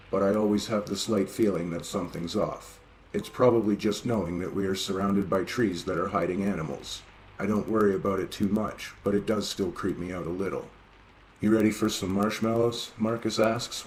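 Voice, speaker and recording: A man reading horror stories aloud in a steady, even narration. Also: low voice, a little hiss or hum, low-quality recording. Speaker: story reader. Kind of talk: scripted horror story narration.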